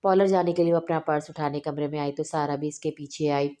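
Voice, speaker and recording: A woman narrating a novel aloud in a steady, measured reading with small restarts. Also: sits low. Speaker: novel reader. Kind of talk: audiobook narration.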